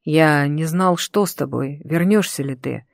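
A reader voicing a young prince who speaks quietly and apologetically, hesitant and frightened, in an audiobook. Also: medium pitch, unhurried, creaky, no room sound, studio quality. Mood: contrite.

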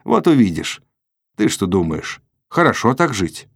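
A man's voice: lowish voice, big pitch swings, unhurried, breathy edge, dry recording, clean studio sound, full character voice. A male narrator voicing a gloomy, restless young man who questions and pleads earnestly in an audiobook. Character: brooding troubled young merchant man.

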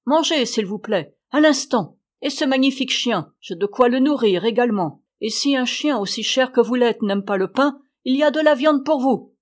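A woman voicing a grumpy, miserly old man who shouts scornfully at his animals in an audiobook. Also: a little high, moderate pace, close to an everyday voice. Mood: sneering. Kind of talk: audiobook character voice.

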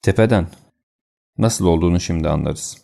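A sharp, decisive detective gives brisk commands, as a man reads him. The voice is deep and dark with a gravelly fry. The manner is commanding and matter-of-fact.

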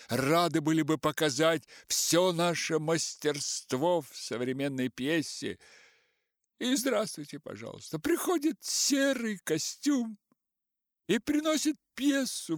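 A man's voice: on the high side, dry recording, studio quality, pitched above the performer's own voice. A man voicing a sly, mocking male theater actor who talks sarcastically and mimics others.

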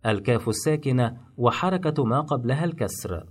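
Man calmly explaining pronunciation. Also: mid-range voice, breathy edge. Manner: measured, explanatory, demonstrates sounds. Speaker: phonetics teacher. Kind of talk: scripted instructional narration.

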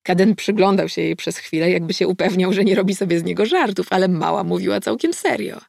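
A woman reading a first-person audiobook in a measured, wry storytelling manner on a close mic. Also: on the low side, creaky, a little mellow, no echo. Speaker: audiobook narrator.

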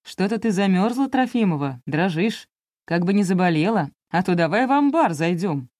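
A woman's voice: on the low side, expressive, moderate pace, a little mellow, dry recording, studio quality, natural voice. A woman voicing a brutal young village man who growls and hisses threats in an audiobook. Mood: coaxing.

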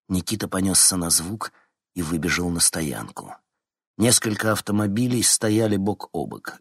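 A man narrating a fantasy audiobook in a steady, dramatic reading. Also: low-pitched, husky, no room sound, clean studio sound. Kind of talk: scripted narration.

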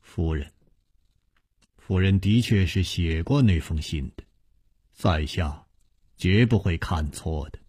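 A man's voice: deep voice, takes it slowly, long pauses, husky, no room sound, studio quality, pitched below the performer's own voice, full character voice. A man as Chu Liuxiang, proud swordsman hero. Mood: probing, courteous. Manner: courteous but persistent, soft-spoken. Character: proud, clever young male swordsman hero. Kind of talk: wuxia novel storytelling.

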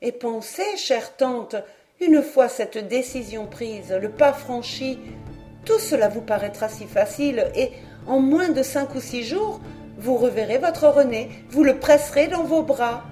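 A woman's voice: a little high, animated, unhurried, dark tone, faint music behind. A woman voicing an eager, determined young woman who speaks in a pleading, enthusiastic, persuasive way in an audiobook.

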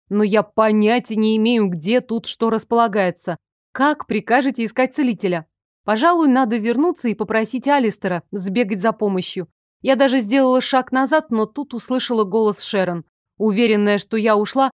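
A woman reading a first-person audiobook in a lively, ironic, expressive way. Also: fairly high pitch, no echo, studio quality. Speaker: audiobook narrator.

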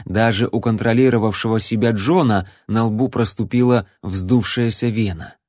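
A man narrating a fantasy audiobook in a steady storytelling manner. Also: lowish voice, normal speed, no room sound, clean studio sound.

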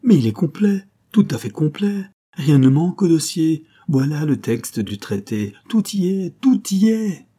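A man's voice: on the high side, big pitch swings, a little slow, hardly any pauses, warm tone, slightly rough, pitched above the performer's own voice, full character voice. A man doing an agitated government minister. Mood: elated. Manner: agitated, then hearty and exclaiming. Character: anxious middle-aged male government minister.

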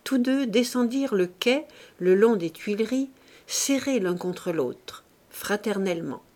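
A woman narrating a classic novel as an audiobook reader, in a measured, expressive reading. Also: medium pitch. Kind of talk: scripted narration.

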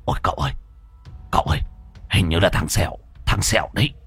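A man's voice: low-pitched, fast, slightly rough. A man doing a jittery old exorcist. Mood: fretful. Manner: flustered, blurts and stammers. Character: jittery old male exorcist, bumbling and crude.

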